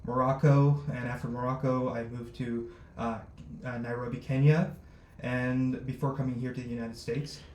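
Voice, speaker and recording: A man's voice: mid-range voice, flat delivery, a little mellow. Startup founder, male, hesitant and filler-heavy, recorded in a roomy space. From born in Luxembourg, raised abroad. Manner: halting, many fillers and restarts. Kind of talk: interview answers. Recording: roomy echo, faint noise.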